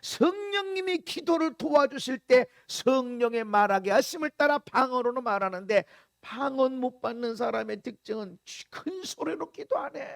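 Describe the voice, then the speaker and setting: A middle-aged male pastor preaches with a strikingly high, gravelly voice. He swings between shouted cries and hushed murmurs. The sound is close and dry, with almost no room echo. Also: expressive, moderate pace, few pauses. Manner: impassioned preaching, shouting out prayers then dropping to a low murmur. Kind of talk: sermon. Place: church sanctuary.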